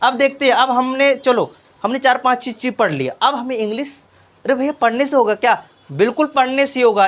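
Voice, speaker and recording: In a small indoor tuition class, a male teacher with an extremely high, fairly bright voice gives a child a spoken English reading lesson. He patiently drills sounds over and over with constant questions, encouraging the pupil to speak out and not fear mistakes.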